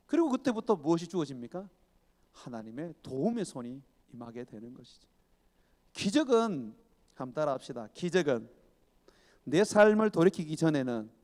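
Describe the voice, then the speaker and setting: A male pastor preaches with a high, lively voice that swings widely as he fires off rhetorical questions and chuckles. His voice rings with the long reverb of a church sanctuary. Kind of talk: sermon.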